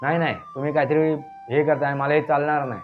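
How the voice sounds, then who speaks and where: A man's voice: a little high, little pitch movement, quick pace, lightly acted. A man voicing an insistent young man who has just come home, speaking in his own plain voice. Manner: insistent, pleading. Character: young man returning home, puzzled then angry. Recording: dull lo-fi recording with faint music.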